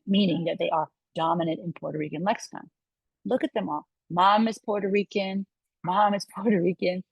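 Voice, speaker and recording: A middle-aged woman giving a university lecture in a lively way, often checking in with her listeners. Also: medium pitch, slightly rough, no room sound, low-quality recording. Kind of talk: lecture to a live audience.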